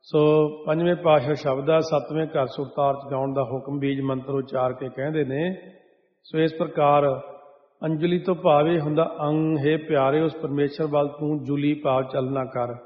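A man preaching a sermon. He chants verses of scripture to a slow melody, then explains each one in plain speech. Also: on the high side, level tone. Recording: echoey hall, dull lo-fi sound.

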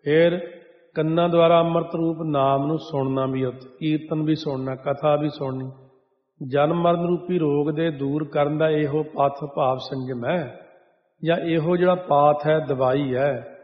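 A man preaching a sermon who slips from slow, melodic chanting of scripture into plain spoken explanation. His voice sits a little high for a man. It rings out with a long echo through a big hall, and the recording sounds dull and lo-fi. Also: steady tone.

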